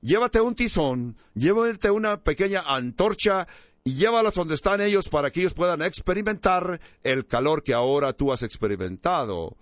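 A calm, mysterious man offers warmth from his fire, played by a male preacher in his own voice. He speaks with patient, gentle insistence. The recording is dull and lo-fi, with a dry sound. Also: fairly high pitch, normal speed, dry recording, natural voice.

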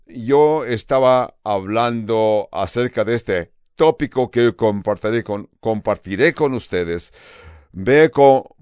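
An older pastor with a Californian accent, preaching with earnest steadiness. His voice is smooth and clear, and he takes his time, pausing between phrases. The sound is dry and close, with no room around it. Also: mid-range voice, darkish tone, dry recording. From United States. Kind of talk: sermon.

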